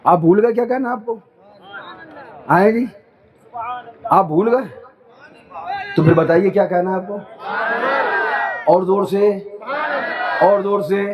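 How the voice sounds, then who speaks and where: A man preaches in a high, ringing voice, declaiming to a gathering and breaking into chanted verse. He keeps calling on his listeners to answer louder. A loud crowd fills the background of this live recording. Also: long pauses. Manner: declamatory, urging crowd to respond. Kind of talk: sermon with recited verse. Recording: live outdoor crowd event. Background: crowd responding.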